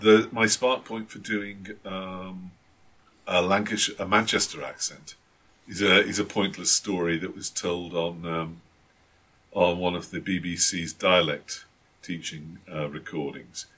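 A man's voice: low-pitched, level tone, a little slow, bright, forceful tone. A man, a tabletop game master, chatting casually and hesitantly with many restarts and fillers. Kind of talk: casual chat.

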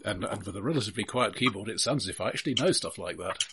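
A man's voice: on the low side, animated, very fast, bright, forceful tone, slight background noise. A man taking part in a tabletop role-playing game, chatting casually in a wry, talkative way. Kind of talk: casual chat.

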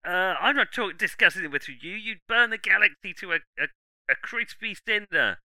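A man's voice: high voice, lively intonation, normal speed, sharp tone, dry recording, pitched above the performer's own voice, heavily acted, rough recording. A man playing a stiff young stormtrooper. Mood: defiant. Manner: rigid, defensive, recites slogans. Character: young male stormtrooper, stiff, indoctrinated, nervous.

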